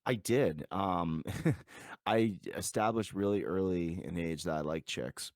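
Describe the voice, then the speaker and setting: This is a man, a podcast guest, with a very low voice. He talks in a loose, rambling way, full of fillers and casual swearing. The sound is dry and close, with no room around it. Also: slow pace, dry recording. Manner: rambling, profane, lots of filler words. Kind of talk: casual storytelling chat.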